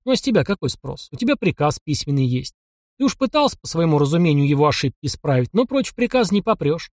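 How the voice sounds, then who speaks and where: A man's voice: fairly high pitch, big pitch swings, quick pace, a little mellow. A man voicing a young hunter who is bold, sly and defiant, talking in a mocking, cocky way. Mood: scheming.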